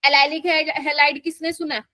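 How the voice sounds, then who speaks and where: A woman's voice: high voice, level tone, takes it slowly, pushed and bright, dry recording. A woman teaching a live chemistry class, coaxing and quizzing her students as she explains. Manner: coaxing, keeps quizzing students and calling them "my child".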